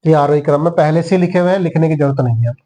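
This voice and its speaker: A man's voice: a little high, very fast, mellow. A man teaching maths who talks students through each step and counts the items aloud. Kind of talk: classroom lesson.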